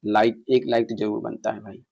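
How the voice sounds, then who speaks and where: A man teaching an online exam-prep lesson, reading passage lines slowly and explaining them, asking his students questions. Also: on the low side, little pitch movement, gravelly, mellow, slightly rough, dull audio. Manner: reads English passages slowly, explains in Hindi, quizzes viewers. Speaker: English exam tutor.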